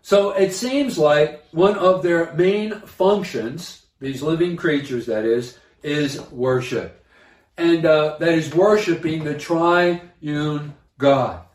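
High-voiced preacher in an echoey room. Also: male voice, slow. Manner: explanatory, reads scripture aloud with emphasis, frequent "uh" fillers. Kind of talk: sermon. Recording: roomy echo, voice from a distance.

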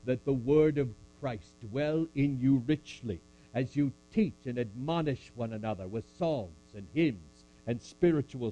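A man puppeteering an older apostle in a church skit, taking his time over every phrase. The voice sits low and mellow, preachy one moment and deadpan joking the next. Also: dull audio, natural voice. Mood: solemn. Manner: preachy, dryly joking, speaks to a crowd. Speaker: puppet performer.

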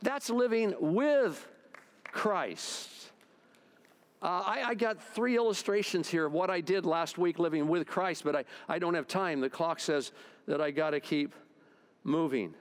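Male pastor, fairly high voice, conversational sermon delivery. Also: measured pace. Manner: conversational, acts out quoted voices. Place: church service.

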